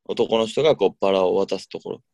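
A man's voice: sits low, gravelly, darkish tone, no echo, clean studio sound. A young man with a Kansai accent chatting casually on radio in a hesitant, groggy, slightly muddled way. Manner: hesitant, slow-witted, groggy. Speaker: radio show co-host, novice comedian.

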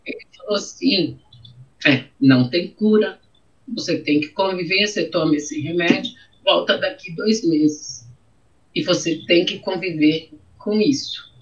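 Speaking at a measured pace in a lowish voice, a middle-aged woman with a Brazilian accent gives personal testimony during an interview. She gets emotional and keeps repeating herself, all captured on dull, muffled audio.

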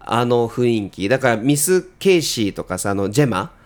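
Lively, expressive man in casual podcast chat. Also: mid-range voice, fairly quick. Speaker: podcast co-host. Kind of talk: casual review chat between co-hosts.

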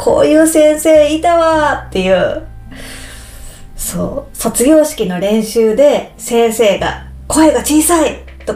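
A woman explaining a topic slowly and simply, like a teacher speaking to language learners. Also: mid-range voice, darkish tone, echoey room. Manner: slow, clear, explaining simply with repetitions. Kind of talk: slow explanatory podcast talk.

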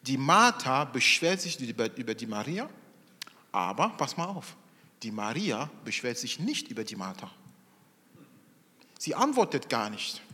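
A man preaching a sermon in an animated way, acting out the voices of people in his story. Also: mid-range voice, a little slow, long pauses, long reverb tail. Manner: animated, acts out quoted voices.

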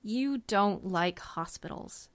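A woman's voice: medium pitch, expressive, slow. A woman running a tabletop role-playing game, describing scenes in a chatty, meandering way with many fillers. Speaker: game master.

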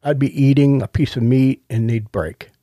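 A middle-aged man speaks with the soft consonants and lisp of someone with no teeth. He is folksy and earnest, chatting casually on a podcast in a dry, close recording. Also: medium pitch, moderate pace, no echo. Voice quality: toothless, lisping speech after oral surgery. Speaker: podcast co-host. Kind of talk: casual conversational podcast testimony.

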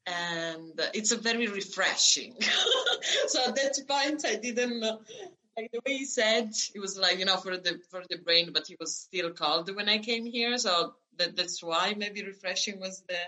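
A woman's voice: medium pitch, a little slow, pushed and bright, poor audio. A woman in her thirties from Italy, telling her story as a guest in a conversational interview, hesitant with many fillers and restarts.

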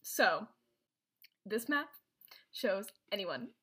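A woman's voice: medium pitch, big pitch swings, drawn-out words, sharp tone, husky. A woman retelling a film's plot to a friend in casual chat, rambling, with many fillers and restarts. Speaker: presenter recapping a film.

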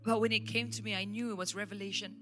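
A woman pastor with a Malaysian English accent preaches at a church service, speaking fast at a medium pitch. She tells stories emphatically and with animation as part of her sermon, while faint instrumental worship music plays behind her.

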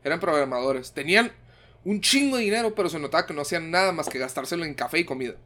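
A young Mexican man chats casually in a slangy, laid-back way. His voice sits somewhat high, with a faint hiss in the background. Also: animated, fast talker, sharp tone. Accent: Mexican Spanish. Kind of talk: casual chat.

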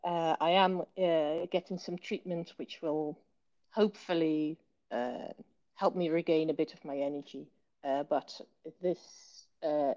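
Speaking from a hospital bed in a casual remote interview, a Dutch author and illustrator in her thirties talks softly and with little energy in a learned British English accent. She is hesitant, uses many fillers, and laughs now and then, and the audio is dull.

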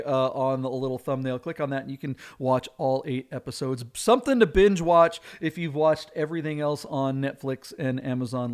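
A man with a somewhat high voice co-hosts a live car auction show. He jokes and rambles in loose, casual banter. His plugs and sign-off come out quick and offhand. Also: clean tone.

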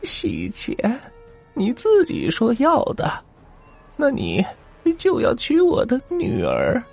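A man voicing a creaky, sinister old granny. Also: wildly swooping pitch, darkish tone, soft background music, full character voice. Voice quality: low, creaky, drawn-out cackling voice. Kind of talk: storytelling character voice.

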